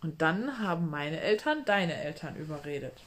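A woman's voice: deep voice, animated, moderate pace, heavy background noise. A woman voicing a bubbly schoolgirl who chats eagerly and giggles with her best friend. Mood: excited.

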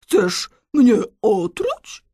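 A theatrical little vampire boy, put on by a woman reading a storybook, booming and stretching every word at a crawl. His pitch leaps about in a lively sing-song, a touch high, with a dry, close sound. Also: husky, dry recording, full character voice. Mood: sulky. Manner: loud, drawn-out, booming delivery. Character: little male vampire, theatrical, menacing, sulky.

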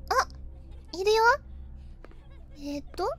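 Young woman streamer, very high voice, slow, unhurried delivery between panicked shrieks during a horror game. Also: slight background noise. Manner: panicky, shrieking at scares, repeating words. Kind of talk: horror game let's play.

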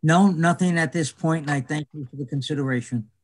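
A man speaking formally and politely as an attorney at a public board meeting, pausing often on "uh", heard over a crackly remote call line that fades in and out. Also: fairly high pitch. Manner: polite and formal, with frequent hesitant "uh"s. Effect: crackly remote call audio that fades in and out. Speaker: attorney representing an applicant.

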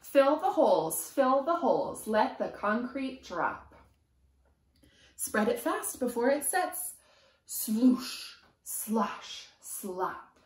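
This preschool teacher in her thirties has a slightly high voice, very animated, stretching her words out as she reads expressively to little kids. She keeps a sing-song rhythm and stresses the sound words. It's recorded indoors in a small home room by a camera a few feet off, so there's a roomy echo.

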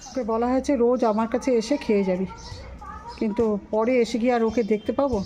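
A woman vlogger with a Bengali accent, talking quietly and gently to her viewers while coaxing a stray dog to eat. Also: on the high side, steady tone, fast talker, rough recording. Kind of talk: casual vlog.

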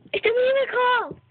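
A young girl play-acting a family scene with toys, voicing the characters herself in a playful, squealing way. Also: very high voice. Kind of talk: toy play-acting with voices. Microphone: phone. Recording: tinny phone recording with loud noise.

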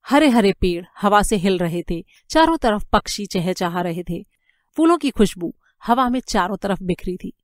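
A woman reading a story aloud as an audiobook narrator, with measured, expressive storytelling. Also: mid-range voice, no room sound, studio quality.

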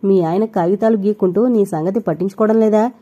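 A woman's voice: medium pitch, fairly quick, mellow, husky, highs cut off, lightly acted. A woman doing a cursing old mother over sixty. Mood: scolding. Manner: scolding, heaping curses.

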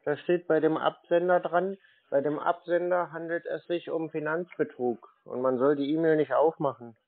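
This man, a prank callee stringing along a scammer, acts clueless as a customer and asks questions during a casual phone conversation. His voice is on the high side and steady, at normal speed with no room sound, and the call audio is muffled and narrow-band.

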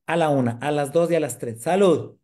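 A man's voice: a little high, fast talker. A man leading a live sales training demonstration, joking with and quizzing his audience. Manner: lively, jokes and quizzes the audience.

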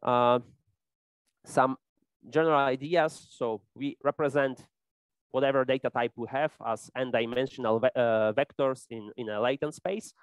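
A man presenting a technical talk at a conference, pausing often with fillers and restarting his sentences. His voice is smooth and resonant, and it sounds dry, with no room echo. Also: medium pitch, fairly even intonation. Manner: hesitant, many fillers and restarts. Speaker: conference speaker. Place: conference hall.

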